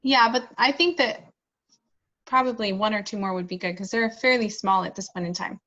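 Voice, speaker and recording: A woman's voice: medium pitch, moderate pace, bright, forceful tone. A woman joining a casual planning call from her phone, giving brief, agreeable replies. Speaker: meeting participant. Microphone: phone on a video call. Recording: dull lo-fi phone call audio.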